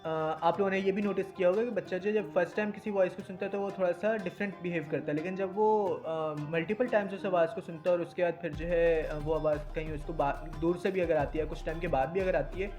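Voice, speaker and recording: A man's voice: high-pitched, fairly even intonation, fast, few pauses, darkish tone, faint music behind. A young man teaching in a casual discussion, explaining step by step and often checking that listeners follow. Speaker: teacher explaining language acquisition.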